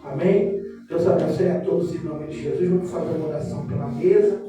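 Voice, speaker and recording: A woman's voice: low-pitched, fairly quick, distant mic. A woman with a Carioca accent preaches and prays with fervor, sliding into a chanted cadence and calling out for amens. Her voice reaches the mic from across a very echoey hall, with music playing underneath. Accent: Carioca Brazilian Portuguese. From Rio de Janeiro, Brazil. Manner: fervent, often chanting phrases, prompting "amen?" replies. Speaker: church leader closing a service. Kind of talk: sermon and closing prayer. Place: small church hall. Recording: echoey church sound heard from afar with music.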